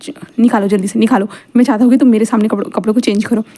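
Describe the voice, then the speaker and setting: A woman's voice: on the high side, fairly even intonation, racing, mellow, close to an everyday voice. A woman doing a teasing shameless young husband. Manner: playful, pushy, teasing.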